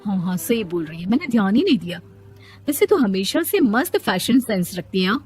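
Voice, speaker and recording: A friendly young woman chats casually as the heroine's pal in a cartoon drama, voiced by an actress. Music plays softly behind her. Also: mid-range voice, very animated, normal speed, natural voice. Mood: friendly, admiring. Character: friendly young female friend, chatty, cheerful. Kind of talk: Hindi cartoon family drama.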